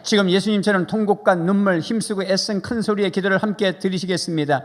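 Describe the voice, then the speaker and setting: A man's voice: high-pitched, steady tone, fast. A man preaching as pastor, praying fervently and leading the congregation through questions and repeated phrases. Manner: fervent, repetitive, leads congregation in loud calls. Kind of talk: sermon with fervent prayer and call-and-response. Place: large church sanctuary. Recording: live church hall reverb with music.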